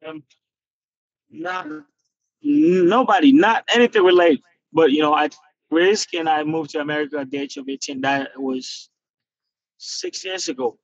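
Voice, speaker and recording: A man's voice: fairly high pitch, a little slow, long pauses, dry recording. A man in his twenties from Nigeria, answering interview questions on a video call from his car in an earnest, reflective way. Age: 20s. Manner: earnest, reflective, many fillers. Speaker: guest fighter. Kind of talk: casual interview talk. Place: in a parked car. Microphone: phone camera on video call. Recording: dull lo-fi video call audio.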